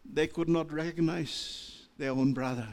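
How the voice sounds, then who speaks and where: An Australian preacher keeps his tone steady as his sermon progresses from soft, measured words to loud and impassioned exhortation.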